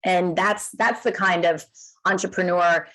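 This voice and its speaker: Lively woman, quick restarts. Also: on the low side, poor audio. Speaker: media expert guest. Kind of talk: casual interview chat.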